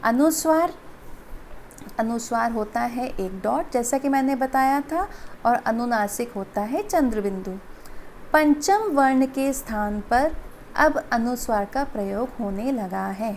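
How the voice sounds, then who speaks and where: Female teacher, high voice, slow unhurried delivery, faint background hiss, patient classroom explaining. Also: expressive, a little mellow. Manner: patient, repeats and asks children if they understood. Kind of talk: classroom Hindi lesson.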